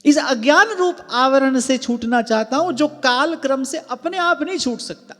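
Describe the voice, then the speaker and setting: Man w/ a high voice doing a devotional sermon, slow and careful, leaning on single words, big hall echo. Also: fairly bright tone. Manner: explains slowly, stresses single words, quotes verses. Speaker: spiritual discourse speaker. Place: ashram hall. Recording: long hall reverb with faint music.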